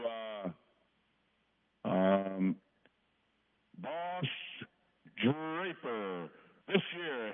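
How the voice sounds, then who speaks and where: A man working as a powwow emcee, announcing with shout-outs and calling out names in drawn-out words. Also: on the high side, phone-quality sound. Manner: draws out words and calls out names.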